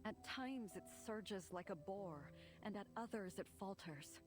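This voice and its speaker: An actress playing a wise female martial arts master who teaches calmly and firmly. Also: medium pitch, measured pace, close to an everyday voice. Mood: stern. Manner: calm, instructive. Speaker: grand master. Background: game music.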